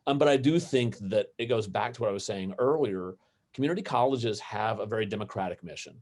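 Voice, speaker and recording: A man speaks on a panel discussion with a somewhat low voice. He is thoughtful and a little hesitant, gathering his points as he goes. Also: brisk, a little mellow.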